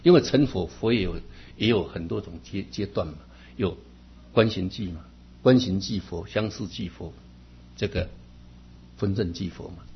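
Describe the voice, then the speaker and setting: A man's voice: low voice, normal speed, pauses often, slight background noise. A man teaching Buddhist practice in an earnest, repetitive way, sometimes chuckling at his own jokes. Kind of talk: dharma talk. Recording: dull lo-fi recording.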